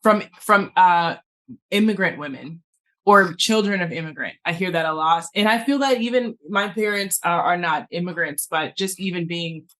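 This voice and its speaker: A woman's voice: on the low side, bright, forceful tone. A woman hosting an interview, asking thoughtful questions in an encouraging way. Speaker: interviewer, host. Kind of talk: casual interview conversation.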